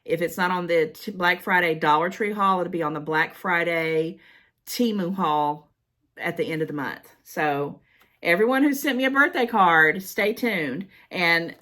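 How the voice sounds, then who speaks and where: A woman's voice: lowish voice, unhurried, pushed and bright. Chatty, emotional woman vlogger. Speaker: haul vlogger. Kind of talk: casual chat reading cards to viewers.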